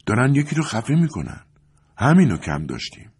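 A man's voice: medium pitch, huge pitch swings, darkish tone, husky, pitched above the performer's own voice, exaggerated voice. A man voicing a restless, scornful young educated wife who complains coldly. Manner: cold, complaining.

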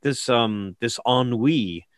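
A man casually retelling a film plot with lots of fillers and animated asides. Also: medium pitch, slow pace, dry recording, studio quality.

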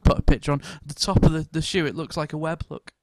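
A man's voice: fairly high pitch, quick pace, dry recording. A man hosting a podcast, telling jokey, rambling anecdotes in casual chat. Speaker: podcast host.

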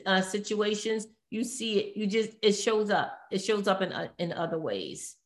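A woman therapist speaks earnestly in a lowish voice, often pausing to find the right word and restarting her phrases. Her voice carries a noticeable room echo. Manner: earnest, searching for words, self-correcting. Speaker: therapist guest. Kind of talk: conversational expert talk. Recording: roomy echo.

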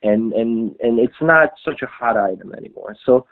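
A man's voice: medium pitch, lively intonation, creaky, a crowd in the background. A man talking casually about menswear in a podcast conversation, stopping and restarting his sentences often. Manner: halting, many restarts and fillers. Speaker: customer service at a trouser maker. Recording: tinny phone-like line.

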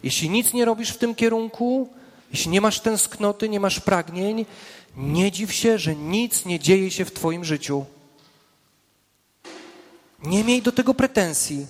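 High-voiced preacher in a reverberant hall. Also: male voice. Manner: earnest, slows down and drops low for emphasis. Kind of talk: sermon with prayer.

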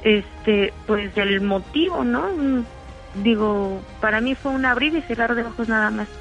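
A woman with a Mexican accent tells a long personal story as a caller on a radio show. She wanders and fills her pauses, and her voice comes through a dull, muffled radio broadcast. Soft music plays faintly behind her. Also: a little high. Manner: meandering, many fillers.

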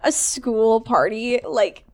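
A woman's voice: a little high, animated, slow, a loud crowd. A woman co-hosting a podcast, recapping a TV show in playful, teasing casual chat. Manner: playful, teasing, filler-heavy talk. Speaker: podcast co-host.

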